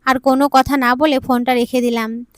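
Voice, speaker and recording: A woman narrating an emotional audio story in a calm, even storytelling manner. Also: high-pitched, normal speed, no echo, clean studio sound.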